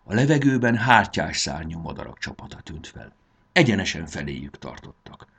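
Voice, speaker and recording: A man narrating a children's fantasy story as an expressive, dramatic audiobook reader. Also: sits low, creaky, breathy edge.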